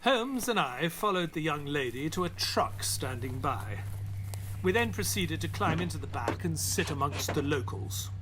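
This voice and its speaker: Actor as Dr. Watson, animated higher-voiced gentleman narrator. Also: moderate pace, noisy background, natural voice. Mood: earnest, dramatic. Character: Dr. Watson, earnest gentleman narrator and companion to a detective. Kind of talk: audio drama narration and dialogue.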